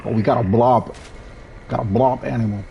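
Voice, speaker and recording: The rough recording, with a bit of hiss or hum, captures a young Puerto Rican streamer with a mid-range, creaky, dark voice and fairly even intonation at a moderate pace. A native Spanish speaker with a Puerto Rican accent, he chats loosely through gameplay, rambling and restarting his sentences.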